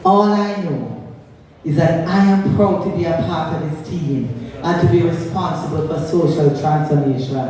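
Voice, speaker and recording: A man's voice: sits high, a little mellow. A man with a Jamaican accent giving an impassioned speech as a party speaker at a political rally. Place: large hall at a party conference. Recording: very echoey hall, far from mic.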